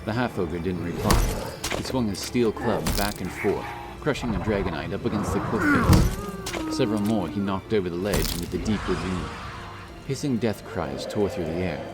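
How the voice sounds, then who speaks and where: A male audiobook narrator with a low, very animated voice reads scripted fantasy narration at a moderate pace, playing the dramatic storyteller. Loud music sits behind his voice.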